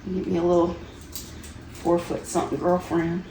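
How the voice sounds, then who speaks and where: A woman's voice: fairly low pitch, monotone, moderate pace, dark tone. A middle-aged woman chatting casually in a playful, giggly way with frequent exclamations. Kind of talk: casual chat while unboxing Halloween items. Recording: roomy echo with clear background noise.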